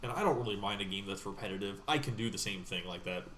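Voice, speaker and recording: A man co-hosting a casual gaming podcast, easygoing and quick to agree with the others. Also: lowish voice, fairly bright tone, slight background noise. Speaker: podcast co-host.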